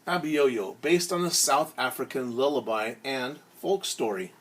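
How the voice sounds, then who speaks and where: A man with a mid-range, fairly bright voice animatedly tells a story as a teacher to small children, theatrical throughout, stopping to explain words simply and to act out sounds.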